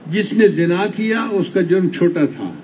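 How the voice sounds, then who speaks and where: A man giving a sermon in a measured, teaching manner, acting out the quoted speech in his examples. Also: high voice, animated, a little mellow, a little hiss or hum, low-quality recording. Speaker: preacher.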